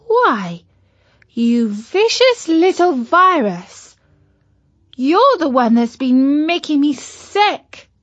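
A woman's voice: sits high, sing-song, slow, dull audio, voice pushed up, full character voice. A woman voicing a bold young girl witch who scolds sharply. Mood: indignant.

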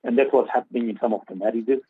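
A man's voice: mid-range voice, rapid-fire, husky, dry recording, phone-quality sound. A man giving religious advice on a radio talk show, preaching and repeating key phrases for emphasis. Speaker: Islamic scholar on radio.

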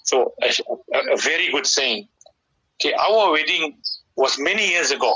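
This middle-aged man speaks with a South African Indian accent, his fairly high voice animated and sharp at a moderate pace. He delivers a conversational radio sermon, offering religious advice emphatically like a preacher and repeating key phrases. The broadcast audio sounds slightly dull.

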